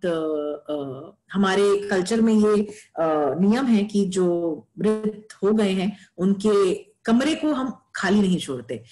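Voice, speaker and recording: An earnest young adult woman giving a motivational talk. She tells a story from her own life and drops English phrases into her sentences. Her voice sits at a middle pitch. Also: darkish tone, low-quality recording. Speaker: speaker sharing a personal story.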